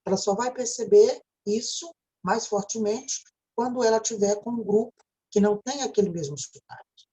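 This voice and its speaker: This woman's warm, medium-pitched voice moves at a moderate pace as she teaches a recorded video lecture with a Brazilian Portuguese accent. She explains things step by step and often checks in with a tag question, though the audio is poor.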